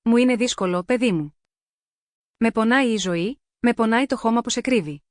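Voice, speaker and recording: A woman's voice: on the high side, no room sound, clean studio sound, close to an everyday voice. Woman voicing a grieving mother's lament. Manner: mournful, pleading lament. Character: grieving mother pleading to her dead child.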